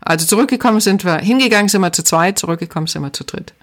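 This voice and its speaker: A middle-aged woman from Germany, telling her story as an interview guest in a calm, reflective way. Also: mid-range voice, rapid-fire. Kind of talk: casual interview chat.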